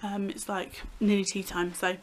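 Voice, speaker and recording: A young woman films a casual vlog at home on a handheld camera. She rambles cheerfully from one thing to the next, giggly and chatty. Her voice sits at an ordinary middle pitch. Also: flat delivery, moderate pace, slight background noise. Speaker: vlogger. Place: at home indoors.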